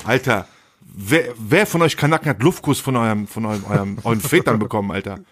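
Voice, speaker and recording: A man's voice: fairly low pitch, brisk, a bit bright, breathy edge. A man co-hosting a casual podcast, talking bluntly in crude street slang. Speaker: podcast co-host.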